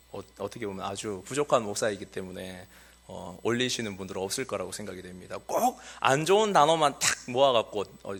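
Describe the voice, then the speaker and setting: A man's voice: lowish voice, vocal fry, slightly rough. A man preaching a sermon as a pastor in a church, using many filler sounds and acting out the voices of the people he quotes. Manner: animated, acts out quoted voices of children and Jesus. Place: church sanctuary.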